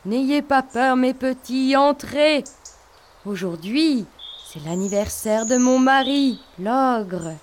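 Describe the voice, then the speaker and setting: Gentle motherly ogress, high voice, takes her time, storybook. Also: expressive. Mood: reassuring. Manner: slow, soothing and reassuring. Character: kind gentle female ogress, large and motherly. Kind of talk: storybook voice acting.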